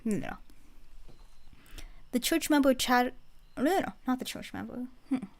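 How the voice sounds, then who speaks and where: A woman's voice: high-pitched, animated, measured pace, vocal fry, a little mellow. A woman reading fiction aloud as a narrator, in a dramatic scripted narration style.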